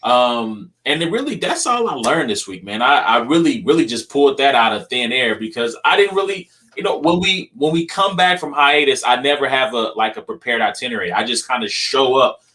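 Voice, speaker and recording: A man's voice: medium pitch, animated, brisk, few pauses, bright, forceful tone. A young man hosting a podcast, talking loosely and rambling with lots of ums. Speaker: podcast host. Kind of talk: casual podcast chat.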